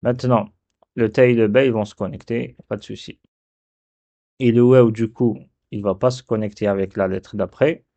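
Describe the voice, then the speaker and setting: A man teaching a dictation lesson step by step, sounding syllables out slowly and repeating them. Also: lowish voice, steady tone, dark tone, dull audio. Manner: slow, repeats syllables aloud. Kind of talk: step-by-step lesson on writing Arabic letters.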